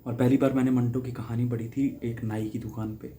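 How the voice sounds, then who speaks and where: A man's voice: medium pitch, little pitch movement, a little fast, warm tone, slight background noise. A young man from Haryana, India, recalling in a casual, reflective way how a writer shaped his life, with small laughs and restarts. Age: young adult. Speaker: guest reader sharing a personal story. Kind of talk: casual personal storytelling.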